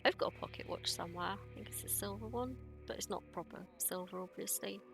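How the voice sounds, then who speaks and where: A woman's voice: medium pitch, a little fast, creaky, over music. A woman streaming a detective game, chatting casually and muttering to herself as she plays. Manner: chatty, muttering, swears under her breath. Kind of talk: casual gameplay commentary.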